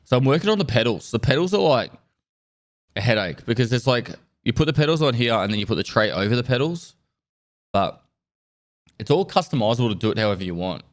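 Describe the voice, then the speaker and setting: A medium-pitched man who talks fast, congested from a cold, keeps up a relaxed, rambling live stream chat and thanks his subscribers along the way.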